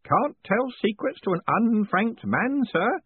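A high, hoarse old postman. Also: sing-song, measured pace, no echo, narrow, tinny audio, heavily acted. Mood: eager, servile. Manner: hoarse whispering, keeps adding "sir". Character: fussy old male postman, eager and servile.

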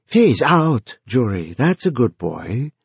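A man's voice: medium pitch, very animated, slow, creaky, husky, no room sound, pitched above the performer's own voice, heavily acted. Man doing a stilted, formal mortuary owner. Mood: formal, placating. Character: stilted male mortuary owner, smooth, bureaucratic.

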